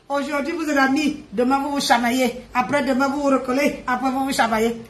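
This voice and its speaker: A woman, ranting and mocking on a live stream, loud, laughing and teasing. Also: high voice, steady tone, normal speed. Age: 50s. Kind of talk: Facebook live rant. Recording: echoey room.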